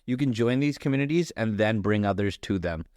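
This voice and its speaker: A man's voice: fairly low pitch, expressive, a little fast, a little mellow, no echo, clean studio sound. A man co-hosting a podcast in casual chat, rambling with lots of "like" fillers. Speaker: podcast co-host.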